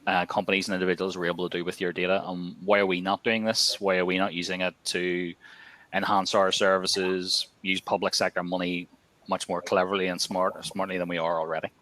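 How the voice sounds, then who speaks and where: A man explains the aims of a fund in a measured way. His voice is very deep and flat, yet bright in tone. The sound is dry and close. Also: dry recording. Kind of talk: panel talk.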